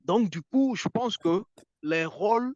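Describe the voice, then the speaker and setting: A man's voice: sits high, animated, slow pace, darkish tone, no echo, muffled recording. A man in casual debate, talking insistently and repeating words as he searches for them.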